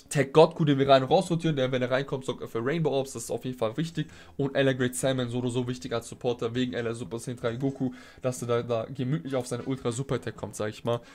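A young adult man gives casual, conversational game commentary as a video host, thinking aloud and explaining in slangy everyday words. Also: mid-range voice. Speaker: gaming video host rating viewers' game teams. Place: small indoor room at home. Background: background music.

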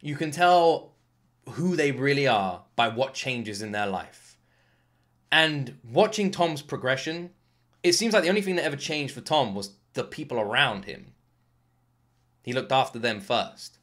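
A British man hosting a music reaction video, excitable and swearing, with loud outbursts. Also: mid-range voice, a little slow. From United Kingdom.

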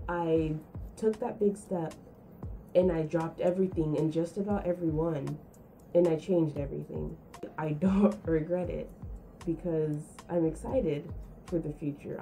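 Young woman with a dark, mellow voice. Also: on the low side, rough recording. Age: young adult. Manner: candid, rambling with fillers. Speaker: vlogger. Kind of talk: casual storytime vlog.

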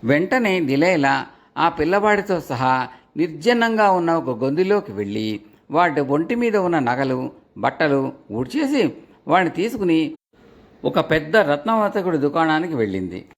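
A male storyteller reading a folk tale aloud, his voice slightly high and full of animated rises and falls. The delivery is expressive, pulling the listener along. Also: normal speed. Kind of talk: storybook narration.

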